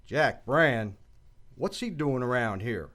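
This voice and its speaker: An actor playing an inquisitive, plain-spoken frontier town doctor in a western radio drama. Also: male voice, mid-range voice, animated, slow, a bit bright. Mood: concerned.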